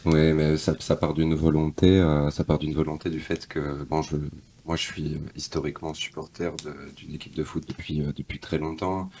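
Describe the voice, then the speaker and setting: A man with an extremely low, suave voice talks casually as a caller. He explains things in a conversational way, often repeating a phrase as he builds his point. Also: flat delivery, moderate pace, mellow, a little hiss or hum. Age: adult, past his teens. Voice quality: deep, suave, smooth low voice. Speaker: esports fan calling in. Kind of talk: casual chat.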